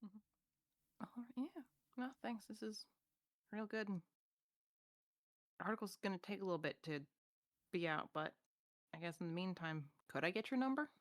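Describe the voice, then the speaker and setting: A woman's voice: medium pitch, lively intonation, moderate pace, long pauses, no room sound, studio quality. A woman playing a tabletop role-playing game, speaking casually and jokingly with many fillers. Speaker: player. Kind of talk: tabletop role-play, in and out of character.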